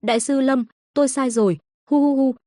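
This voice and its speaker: A woman's voice: high voice, fairly quick, mellow, no room sound, clean studio sound, pitched above the performer's own voice, natural voice. Woman voicing a cowardly middle-aged swindler. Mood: pleading. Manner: panicky, pleading, sobbing.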